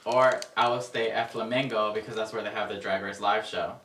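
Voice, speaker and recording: A man's voice: lowish voice, fairly even intonation, a little fast, fairly bright tone, distant mic, slight background noise. A man from Mexico reading viewer comments aloud and chatting in a dry, matter-of-fact way. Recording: roomy, off-mic, music behind. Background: faint background music.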